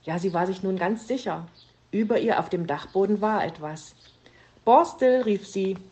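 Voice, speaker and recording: A woman narrates a children's story with an expressive reading manner. Her voice sits on the low side. She reads steadily and clearly. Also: moderate pace.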